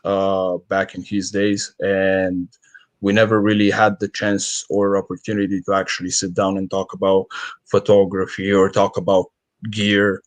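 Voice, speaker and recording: A man from Bulgaria, a guest photographer, speaking in a halting, casual way on a video call. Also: low-pitched, completely flat delivery, dry recording. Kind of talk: casual interview talk.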